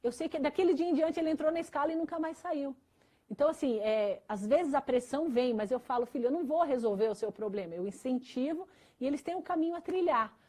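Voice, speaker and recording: High-voiced Brazilian woman pastor. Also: fast, darkish tone. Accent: Brazilian Portuguese. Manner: earnest, storytelling, many fillers. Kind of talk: testimony in a church interview.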